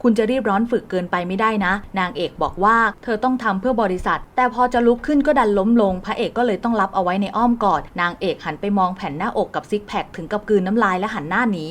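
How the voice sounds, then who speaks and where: A woman narrating a drama series recap in a brisk, continuous scripted retelling. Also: mid-range voice.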